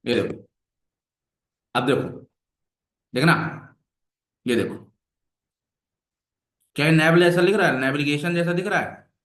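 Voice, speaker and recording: A man's voice: on the high side, expressive, measured pace, long pauses, fairly bright tone. Echoey coaxing male coding instructor. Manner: coaxing, repeats questions to the class. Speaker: web development instructor. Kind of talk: classroom coding lesson. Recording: echoey room.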